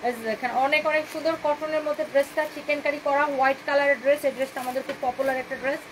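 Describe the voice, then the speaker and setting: A woman hosts a live clothing sale in a high, rapid voice. She pushes each item with a chatty, repetitive pitch and mixes English phrases into her talk. A faint hum of the room sits under her voice. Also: little pitch movement, poor audio. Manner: bantering with viewers' comments. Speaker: boutique owner hosting a live sale. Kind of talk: live-stream sales pitch.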